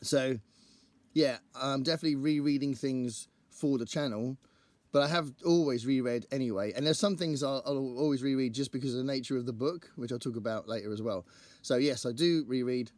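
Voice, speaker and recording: On the book channel he hosts, a man speaks casually to camera, rambling as he thinks aloud. Singing at a gig the night before has left his mid-range, darkish voice croaky, and he talks a little fast with no room sound.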